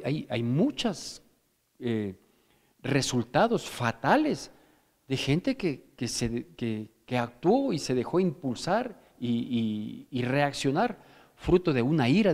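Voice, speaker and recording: A man's voice: a little high, big pitch swings, moderate pace, darkish tone, long reverb tail. A male pastor with an Ecuadorian Spanish accent preaching a firm, exhorting sermon, often restarting and asking "¿sí?". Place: church hall.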